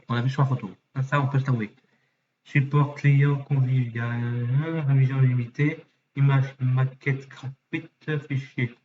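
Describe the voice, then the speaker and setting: Man, casual thinking-aloud commentary, mutters and swears, fillers, dull lo-fi mic, faint hiss. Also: medium pitch. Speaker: YouTuber. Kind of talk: casual screen-recording commentary.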